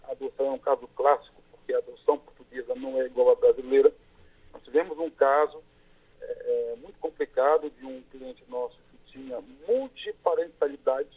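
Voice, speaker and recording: Speaking by phone in an interview, a Brazilian lawyer explains things in a measured manner, leaning on fillers while he works through each point. His voice sits at a medium pitch with a breathy edge.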